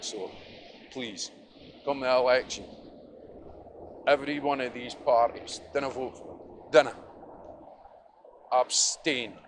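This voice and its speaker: A middle-aged Dundonian with a Dundee Scottish accent and medium pitch gives an emphatic, off-the-cuff walking monologue as a vlogger, rambling through city streets. Reminiscing and opinionated, he chuckles often, while faint traffic, passing vehicles and street ambience make the outdoor recording noisy.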